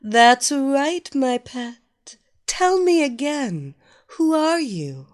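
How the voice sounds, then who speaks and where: A woman voicing a domineering, mocking female villain who gives orders in a slow, coaxing way. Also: high-pitched, very animated, pitched above the performer's own voice, exaggerated voice. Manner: slow, coaxing, commanding delivery. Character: commanding, domineering woman villain, mocking and sure of her power. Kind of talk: audio story reading.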